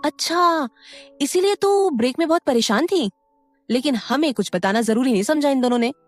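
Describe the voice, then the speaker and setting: A woman's voice: high-pitched, expressive, moderate pace, no room sound, soft background music, voice pushed up. A woman voicing a nosy, chatty young female student in an audio story.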